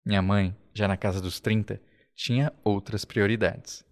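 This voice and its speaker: A man with a Brazilian Portuguese accent, narrating a documentary podcast in a slow, reflective way. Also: on the low side, steady tone. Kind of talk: scripted narration. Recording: faint music underneath.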